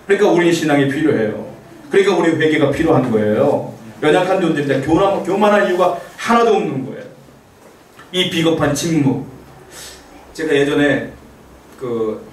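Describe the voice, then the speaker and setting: A man's voice: fairly high pitch, roomy sound, distant mic, low-quality recording. A male pastor preaching a sermon in a conversational way, asking the congregation rhetorical questions and acting out the quotes he tells.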